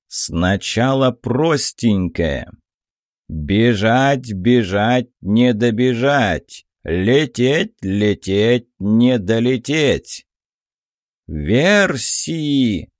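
A man voicing a grumpy giant rolling head who sets riddles, speaking slowly and drawn out. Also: lively intonation, no room sound, studio quality. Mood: taunting. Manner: slow drawn-out booming taunts.

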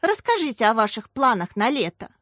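A woman putting on a bubbly female English teacher from a children's story, high and exclaiming. Every line comes out bright and bouncy. The recording is dry and close. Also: big pitch swings, brisk, no echo.

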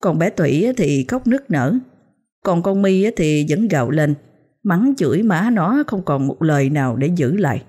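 Female storyteller, low husky voice, calm ghost-story narration. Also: moderate pace.

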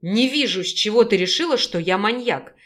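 A woman's voice: mid-range voice, lively intonation, brisk, fairly bright tone. Woman reading as a harsh, scolding werewolf man. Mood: sarcastic. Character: gruff angry male werewolf rescuer. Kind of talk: audiobook reading.

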